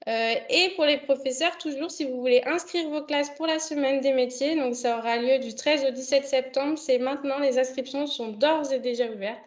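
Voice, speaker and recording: A young woman with a high voice hosts a live online session. She stops often on fillers and restarts her sentences. Her voice comes through a dull, lo-fi video call line. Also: moderate pace, few pauses. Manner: hesitant, many fillers. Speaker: online event host. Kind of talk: hosting a video conference. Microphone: computer mic on a video call.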